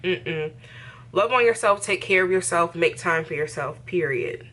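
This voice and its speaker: In her early thirties, a woman with a fairly low but fairly bright voice chats with viewers in a get-ready-with-me vlog from her bedroom. She's the host of her own channel and talks at a moderate pace with lively intonation, in an emphatic, familiar, conversational way.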